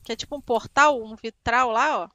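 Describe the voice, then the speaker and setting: A woman co-hosting a casual gameplay livestream, chatting quickly with her partner and the chat. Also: on the high side, bright, forceful tone, no room sound, clean studio sound. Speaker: streamer, co-host.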